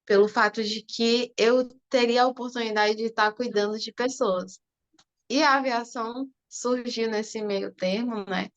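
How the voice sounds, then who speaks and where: A woman of twenty-one from Fortaleza, speaking softly because of a sore throat as guest speaker in an online class, with many casual fillers. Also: fairly high pitch, steady tone, unhurried, highs cut off. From Fortaleza, Brazil. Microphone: video call.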